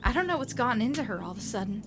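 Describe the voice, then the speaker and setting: A woman's voice: a little high, expressive, rapid-fire, over music, close to an everyday voice. A woman reading the lines of a cheerful, sociable young woman in a story game. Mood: eager.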